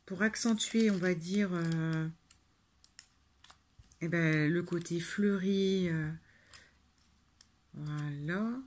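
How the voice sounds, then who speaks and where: A woman's voice: lowish voice, extremely slow, pauses often, darkish tone. A woman from France chatting through a card-making tutorial, rambling and self-deprecating, with lots of fillers. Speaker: crafting tutorial host. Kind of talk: casual talk-through while making a card.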